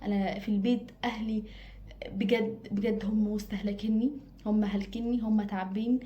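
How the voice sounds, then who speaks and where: A woman's voice: medium pitch, steady tone, moderate pace, warm tone, dull audio. A woman with an Egyptian Arabic accent giving casual advice straight to her own camera, emphatic and repeating phrases for stress. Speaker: advice vlogger. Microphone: self-filmed camera.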